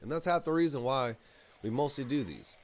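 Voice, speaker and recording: With a crowd audible in the background, a man with a mid-range voice talks a little fast while hosting a gaming channel. He plays and eats, offering rambling gameplay commentary packed with opinions and lively rants.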